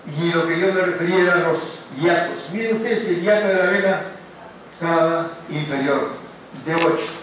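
A male lecturer teaching a class, who often stops on fillers and keeps checking in with quick tag questions. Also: fairly high pitch, a bit bright, a little hiss or hum. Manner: hesitant, with many fillers and restarts. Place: lecture room. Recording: very echoey room, mic far off.

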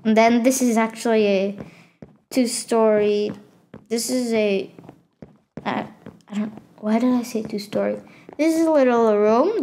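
A woman's voice: a little high, darkish tone, slight background noise. A woman hosting a gaming channel, giving a casual tour of her game world and stopping often with fillers and self-corrections.

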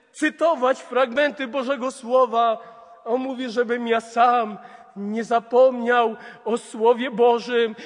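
A man's voice: very high-pitched, big-room sound. A man preaching a sermon, retelling a story as a storyteller and often repeating "he says".

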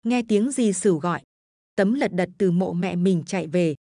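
Brief: female storyteller, steady ghost-story narration, warm low tone. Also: moderate pace, no echo, studio quality.

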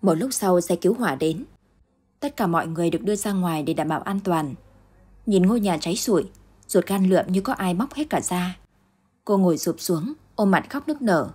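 A woman narrating a late-night short story in a steady, measured reading voice. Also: on the low side, husky.

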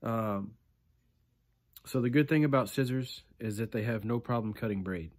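A man in his thirties walks through his fishing tools in a laid-back, chatty way, close to a phone camera. He often tags his lines with "right?" and "okay". His voice sits at an ordinary middle pitch, and the small indoor room around him is quiet. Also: normal speed. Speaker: fishing channel host. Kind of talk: casual gear walkthrough.

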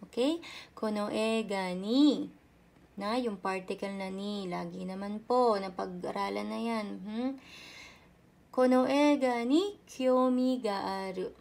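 A woman teacher talks through grammar at an unhurried pace. Her voice has a gravelly, creaky edge. She repeats every example twice and checks with short tag questions. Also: mid-range voice, a little mellow. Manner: repeats each example sentence slowly, checking with "ne?"; polite and patient, uses respectful "po". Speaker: Japanese language teacher. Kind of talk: explaining grammar in a lesson.

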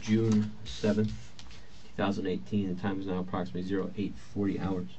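Deep-voiced male detective on interrogation tape. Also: little pitch movement, brisk, warm tone. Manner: polite, procedural and reassuring. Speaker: police detective. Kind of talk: police interrogation, reading rights and questioning. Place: police interview room. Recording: muffled lo-fi interview-room recording with faint hiss.

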